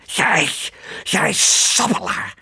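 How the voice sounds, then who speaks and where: A man's voice: a little high, huge pitch swings, normal speed, voice pushed up. A man playing a greedy, blustering restaurant boss. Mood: furious. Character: greedy hot-tempered male restaurant boss.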